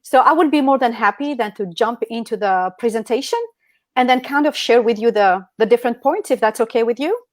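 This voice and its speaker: A middle-aged Algerian woman gives a motivational presentation as a guest speaker at an online e-commerce summit, joining indoors over a video call. Her voice is a little high and fairly quick, and the recording sounds dry.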